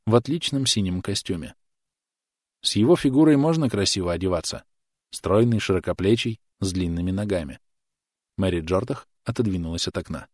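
A man narrating an audiobook in a measured, expressive way. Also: low voice, no echo, studio quality.

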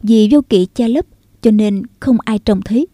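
A woman narrating a martial arts novel in a steady, measured reading. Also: a little high, dry recording, studio quality. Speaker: audiobook narrator.

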